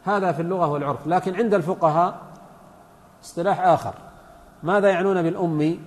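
A man's voice: high-pitched, a little mellow. A man, a sheikh, giving a religious lecture on Islamic law, patiently explaining points and reciting examples. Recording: long hall reverb.

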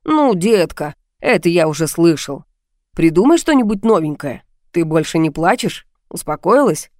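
A woman's voice: on the low side, sing-song, moderate pace, darkish tone, no echo, studio quality. A woman reading an audiobook, voicing a mocking, menacing male blackmailer who talks down to his victim on the phone. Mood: sneering. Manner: sneering, condescending, calls her baby.

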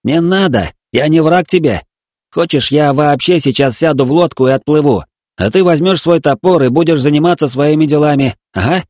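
A man's voice: fairly high pitch, expressive, moderate pace, a little mellow, dry recording, studio quality, pitched above the performer's own voice. A man voicing an eager young male sailor who coaxes and coos in a friendly way. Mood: coaxing. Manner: coaxing, cooing.

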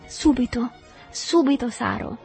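A woman voicing an eager, fawning boy with a sweet, sing-song voice and a flattering manner. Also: high voice, moderate pace, soft background music, voice pushed up, lightly acted.

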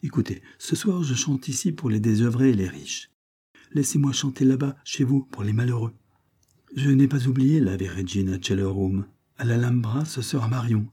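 A man's voice: mid-range voice, normal speed, mellow, breathy edge, lightly acted. A man reading the lines of a humble young woman singer from a storybook, pleading and earnest.

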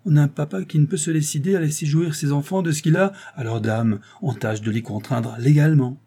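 Guy reading a sneaky old lawyer, wheedling, voice pushed up high, mellow and a bit husky. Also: brisk. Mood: scheming. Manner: wheedling and insinuating. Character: scheming older male lawyer, sly, flattering.

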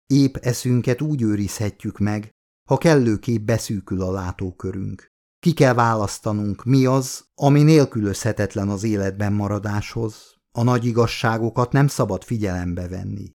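A man with a fairly low voice reads a literary novel aloud in the first person. His narration is measured and expressive, paced for an audiobook.

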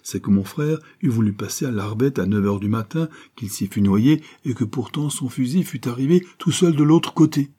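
A man's voice: mid-range voice, animated, breathy edge, pitched above the performer's own voice. A man doing a bitter, dry-voiced young man. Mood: arguing. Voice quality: dry, harsh voice. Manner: sharp, arguing, quick.

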